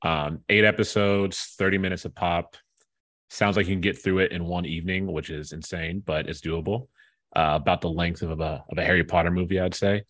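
A man's voice: deep voice, steady tone, brisk, fairly bright tone. A man hosting a podcast in casual chat, laid-back with frequent fillers. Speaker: podcast host.

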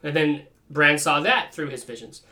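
A man's voice: on the high side, normal speed, bright, forceful tone. A man in a casual podcast chat, profane and joking, talking animatedly.

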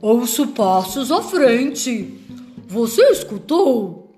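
A woman voicing a big, hungry gruffalo in a storybook reading, drawing out her words slowly. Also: fairly high pitch, big pitch swings, warm tone, faint music behind, exaggerated voice. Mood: hungry, amazed. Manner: slow drawn-out delivery.

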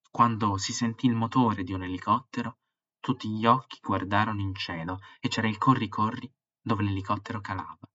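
A man with a fairly low, husky voice reads a story slowly and dramatically. The recording sounds dull and lo-fi, like a home podcast. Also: fairly bright tone. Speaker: podcast host. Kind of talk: reading a book passage aloud, then history podcast narration.

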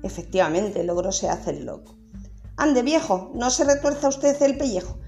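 A woman voicing a cheeky, playful little boy in a read-aloud story, chirpy and quick. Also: mid-range voice, animated, warm tone, soft background music, close to an everyday voice.

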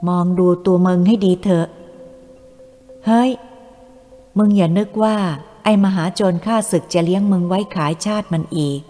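A woman's voice: mid-range voice, fairly even intonation, moderate pace, mellow, natural voice. Brief: a woman playing a furious, fearless young captive, cursing, in a reverberant room with faint music. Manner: fierce, cursing, defiant.

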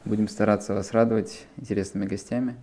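A man with a gravelly, husky voice casually hosting an interview. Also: lowish voice, level tone, quick pace, dark tone. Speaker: interview show host, pilot.

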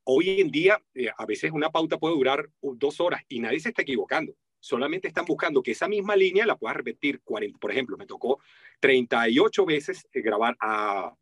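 Speaking fairly fast in a husky voice with no room sound, a man with a Venezuelan accent who works in voice-over gives a lively, casual interview. He performs the voices of those he quotes, swinging widely in pitch.

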